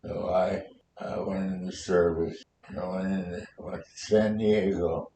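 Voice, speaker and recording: An American man in his nineties, a war veteran, telling his memories in a halting, rambling old-timer way during an oral history interview. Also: steady tone, warm tone. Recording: roomy echo, faint noise and rumble.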